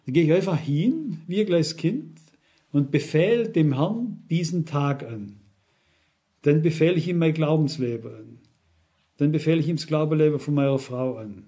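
With a slightly high, mellow voice and lively intonation, a middle-aged preacher delivers his sermon at a moderate pace. His earnest style leans on repeated phrases, and he frequently addresses the congregation directly with questions.

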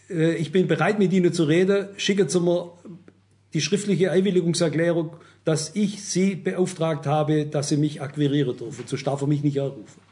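Older man, high voice, earnest warning sermon, repeats himself for emphasis. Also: a little mellow. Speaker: preacher.

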